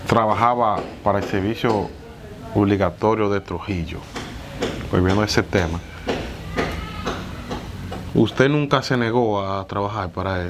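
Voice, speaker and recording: A young Dominican man with a fairly low voice interviews someone in a conversational way. He speaks into a lapel mic outdoors, over clear traffic and ambient noise. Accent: Dominican Spanish. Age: young adult. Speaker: interviewer and show host. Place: outdoors against a house wall.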